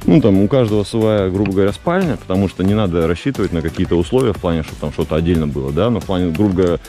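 Chatty low-voiced man outdoors. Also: animated, rapid-fire. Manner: chatty, enthusiastic, many fillers. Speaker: vlogger touring a building site. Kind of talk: casual walk-and-talk. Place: outdoors in the jungle. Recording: loud music over the voice.

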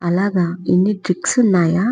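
A woman's voice: lowish voice, level tone, a little fast, vocal fry, warm tone, husky, poor audio. A woman doing a cheeky young wife. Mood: sassy. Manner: sassy, mixes English words.

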